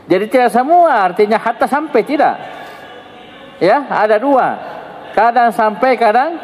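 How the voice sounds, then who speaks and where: A man's voice: measured pace, in a large hall, rough recording. A male teacher with an Indonesian accent giving an Arabic grammar lesson in casual classroom talk, joking and swinging his intonation up and down. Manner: lively, joking, swings pitch up and down to show intonation.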